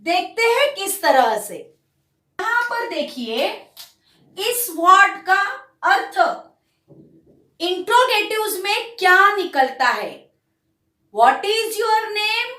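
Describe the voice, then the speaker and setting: A woman teaching a grammar lesson to children, speaking slowly and deliberately as she reads example sentences aloud. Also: extremely high pitch, very animated, pushed and bright, far from the mic. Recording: roomy echo, away from the mic.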